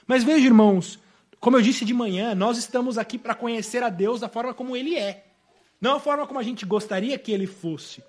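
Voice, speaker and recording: A man preaching an evening sermon in a Brazilian accent, emphatic and often dropping to a soft voice. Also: very high-pitched, fairly quick. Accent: Brazilian Portuguese. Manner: emphatic, with sudden drops to a soft voice.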